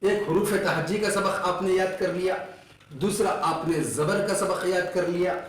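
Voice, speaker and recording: A man teaching Quranic letter pronunciation, patiently explaining each sound and repeating it slowly for his students. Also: high voice, fairly even intonation. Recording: very echoey room.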